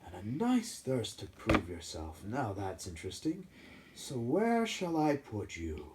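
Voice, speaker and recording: A man's voice: lowish voice, wildly swooping pitch, very noisy. A man voicing the musing Sorting Hat. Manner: slow, musing, then bellowing house names. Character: old male magical talking hat, pondering.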